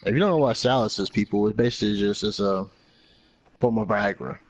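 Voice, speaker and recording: A man's voice: on the low side, fairly quick. A man co-hosting a podcast in rambling, profane casual chat over a remote call, his audio breaking up and cutting out. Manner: rambling, profane, lots of fillers. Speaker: podcast co-host.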